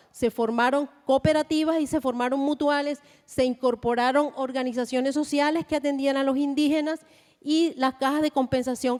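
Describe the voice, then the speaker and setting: A Colombian woman speaking at a conference panel, measured and deliberate with frequent hesitations. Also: high voice, a little mellow. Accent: Colombian Spanish. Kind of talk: conference presentation. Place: large conference hall. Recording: long hall reverb.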